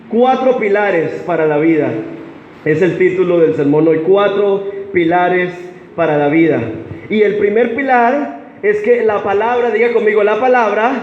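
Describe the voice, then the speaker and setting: A man preaches with lively energy, often asking the congregation to answer or repeat after him. His voice sits high. The recording is a dull, echoey capture from a church hall with faint noise behind him. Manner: animated preaching with audience call-and-response. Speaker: pastor. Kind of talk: sermon. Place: church sanctuary.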